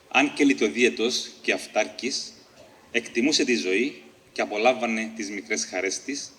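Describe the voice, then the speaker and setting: A man of middle pitch reads his own short story aloud at a book launch. His delivery is measured and deliberate, and he now and then trips over a word and starts it again. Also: a bit bright. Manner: measured, deliberate reading with occasional slips and restarts.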